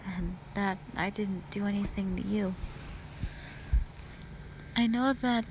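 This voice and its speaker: Speaking slowly in a steady, mid-range voice, a woman acts as a fragile young hospital patient in an audio roleplay. Subdued and remorseful, she is hesitant and apologetic, sighing between short phrases, against a noisy background with piano music.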